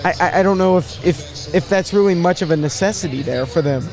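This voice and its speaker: A man hosting a casual live sports draft show, thinking aloud in a halting way and repeating words as he goes. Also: high-pitched, darkish tone, soft background music.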